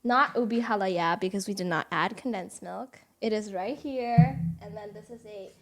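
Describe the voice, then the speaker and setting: A woman's voice: medium pitch, moderate pace. A young woman co-hosting a casual home podcast, giggly and playful, talking and eating into a close mic at home. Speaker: podcast co-host. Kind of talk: casual chat. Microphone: close podcast mic without shock mount.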